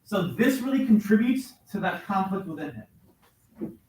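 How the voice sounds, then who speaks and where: A man's voice: high-pitched, animated, unhurried, darkish tone. A male teacher leading a class discussion, questioning and coaxing students for answers. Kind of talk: classroom lesson. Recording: very echoey classroom from far off.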